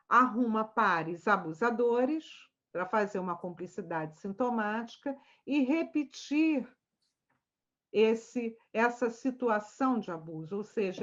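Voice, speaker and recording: A woman's voice: a little high, muffled recording. A woman with a Rio de Janeiro accent teaching schema therapy in a casual online lecture, telling patient stories and asking rhetorical questions. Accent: Rio de Janeiro Portuguese. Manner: lively storytelling, rhetorical questions.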